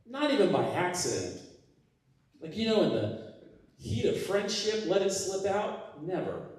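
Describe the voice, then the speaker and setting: A man performs stand-up on a theater stage, his voice lively and a touch high, heard from some distance in a very echoey hall. He talks in a halting, deadpan way, stacking fillers between punchlines. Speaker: stand-up comedian. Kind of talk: stand-up comedy set. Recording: roomy hall sound from a distance. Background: audience laughing.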